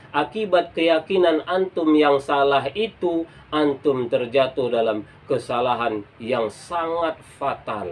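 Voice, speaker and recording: Guy preaching to a congregation, slow deliberate talk, a bit high voice. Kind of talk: lecture to a congregation.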